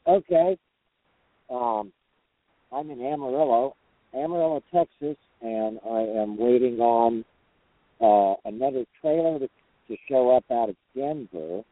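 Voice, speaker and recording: A man's voice: medium pitch, a little slow, pauses often, no echo. A man hosting a casual truckers' call-in show from a parked truck cab, talking in a folksy, rambling, hesitant way. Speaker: host of a truckers' talk show. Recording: narrow, tinny phone or radio line.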